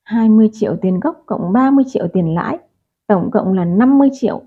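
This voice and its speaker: A woman's voice: medium pitch, expressive, fast talker, husky. A woman voicing a brutal male loan-shark gang boss who hurls crude, abusive threats in a storybook reading. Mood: menacing. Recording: tinny phone-like audio.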